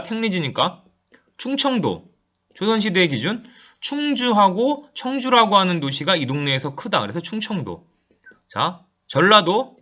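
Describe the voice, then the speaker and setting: A lively male teacher with a fairly high, bright voice that swings up and down as he explains a map to his class. He chats with his students and thinks aloud while he draws. The audio is dull and lo-fi. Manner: chatty, addresses students directly, thinks aloud while drawing. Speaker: high school geography teacher. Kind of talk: online lecture while drawing a map.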